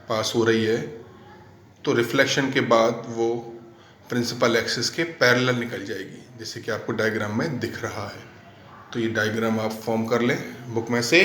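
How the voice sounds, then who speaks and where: Male tutor, dictates notes slowly and repeats them; roomy, echoey recording. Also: medium pitch. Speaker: teacher. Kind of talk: classroom physics lesson, dictating notes. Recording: echoey room, faint background noise.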